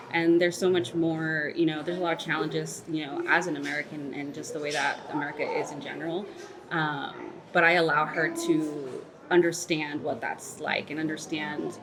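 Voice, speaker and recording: Against a noisy background, a deep-voiced woman in her thirties reflects openly during an interview. Mexican-born and Texas-raised, she leans heavily on fillers such as "um" and "like."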